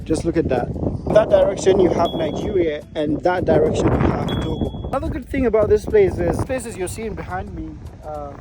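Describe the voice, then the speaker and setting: A male travel vlogger chats casually on location in a slightly high voice. Heavy ambient noise, like traffic and street sound, surrounds him. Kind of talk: casual on-location vlog talk.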